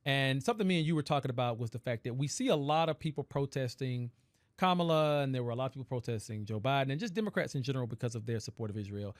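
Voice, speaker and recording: A man's voice: mid-range voice, animated, quick pace, dry recording. Brief: man co-host, mid-range voice, easygoing argumentative talk, dry studio mic. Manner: conversational, hedging, builds long arguments. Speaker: podcast co-host. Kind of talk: casual political chat.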